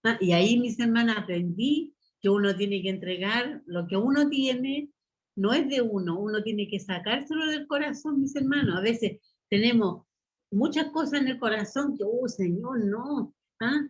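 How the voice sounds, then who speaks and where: A woman's voice: a little high, normal speed, husky. A woman with a Chilean Spanish accent giving a personal testimony at a church meeting, telling her story and calling her listeners brothers and sisters. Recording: muffled lo-fi recording.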